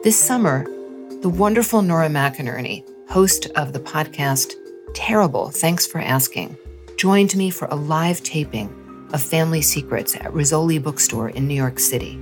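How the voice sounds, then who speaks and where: A woman host reads a scripted episode intro in a low, measured voice, with music playing clearly underneath. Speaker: podcast host.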